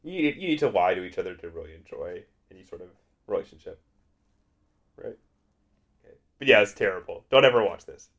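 A man with a fairly low voice, chatting casually about a film. He is dry and mocking and leans on "like" as he talks. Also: expressive, a little fast, pauses often, a bit bright. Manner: dry and mocking, with many "like" fillers. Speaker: podcast co-host. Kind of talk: casual film review chat.

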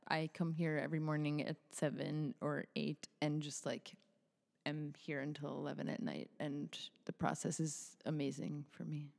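Low-voiced woman with big hall echo. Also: level tone, creaky, a little mellow. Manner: thoughtful, unhurried, lots of ums. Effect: big hall echo from a large empty studio. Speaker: artist in residence, musician. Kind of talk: casual conversational interview. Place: large studio the size of a basketball court. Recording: long echoey reverb in a big room.

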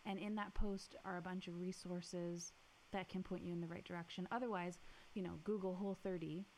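A young adult woman co-hosting a podcast in casual chat, upbeat and quick to laugh. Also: fairly low pitch, fairly even intonation, a little mellow, rough recording. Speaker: podcast co-host. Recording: faint hiss.

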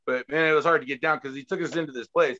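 A man's voice: on the high side, very fast, highs cut off. A man telling wild road stories in casual chat, swearing and laughing. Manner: animated, profane, laughing storyteller. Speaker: guest, former wrestler. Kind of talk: casual storytelling.

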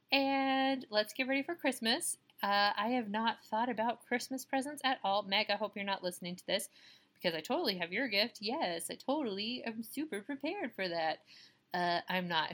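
A woman's voice: on the high side, fairly bright tone. A woman co-hosting a podcast, giving a chatty, thankful sign-off at home late at night on a poor-quality recording made without the usual microphone. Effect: poor sound quality, recorded without the usual microphone. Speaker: podcast co-host.

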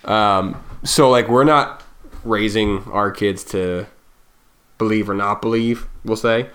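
A man's voice: fairly low pitch, fairly even intonation, slow pace, fairly bright tone. A man in his thirties co-hosting a podcast, talking loosely and musing, often trailing off and restarting. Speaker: podcast co-host. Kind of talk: casual chat.

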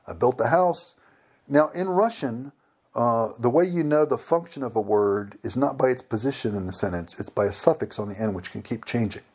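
A man's voice: medium pitch, normal speed, husky. A man casually telling a funny anecdote, acting out both sides of a conversation and laughing along. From United States. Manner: animated, acts out dialogue with laughs. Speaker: storyteller.

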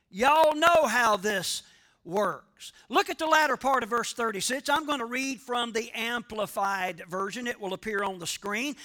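A man's voice: very high voice, bright, forceful tone. A middle-aged man preaching a sermon as pastor, emphatic and drawing the congregation into call-and-response asides.

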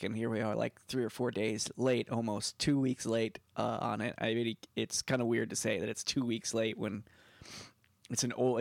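Halting man on a dry, close mic. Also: medium pitch, vocal fry, no room sound. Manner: halting, repeats words as he goes. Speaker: podcast host. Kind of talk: casual, unscripted podcast talk.

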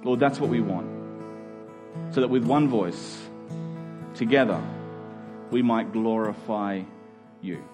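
Over music, an Australian pastor preaches a sermon in a lowish voice, slow-paced and marked by long pauses. He speaks earnestly and conversationally, frequently posing questions to the listeners.

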